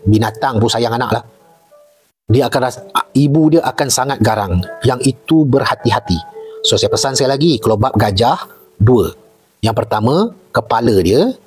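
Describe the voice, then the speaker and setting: A middle-aged man with a Malaysian Malay accent, a retired army major, tells jungle stories in casual chat, repeating points for emphasis. His mid-range voice is husky with a darkish tone.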